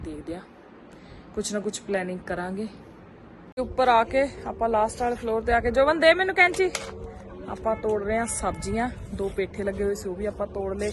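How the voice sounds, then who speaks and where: Chatty Punjabi woman vlogging over background noise. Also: mid-range voice. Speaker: family vlogger, mother. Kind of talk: casual home vlog narration. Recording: clear background noise, household and outdoor ambience.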